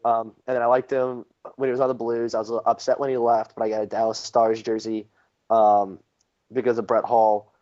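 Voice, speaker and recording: A young man from the St. Louis area chats casually as a podcast co-host. He rambles through stories with plenty of "um"s and "uh"s. His voice has a middling pitch, and the recording sounds dull and lo-fi. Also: little pitch movement, brisk, warm tone. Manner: rambling storyteller with frequent fillers. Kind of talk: casual chat.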